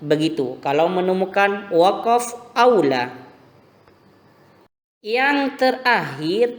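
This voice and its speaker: Guy teaching little kids religion class, real slow and patient, echoey room with long reverb. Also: sits high, a bit bright. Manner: slow, patient explaining to children. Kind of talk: recorded lesson for primary pupils.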